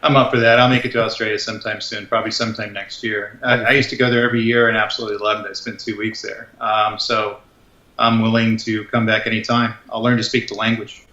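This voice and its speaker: A man's voice: fairly low pitch, flat delivery, quick pace, pushed and bright, dull audio. A man speaking as a guest expert in a podcast interview, talking confidently and with emphasis.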